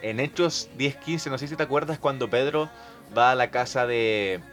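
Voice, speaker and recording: A man's voice: mid-range voice, normal speed, fairly bright tone, soft background music. Man retelling Bible stories. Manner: conversational, retelling Bible passages with restarts. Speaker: podcast co-host.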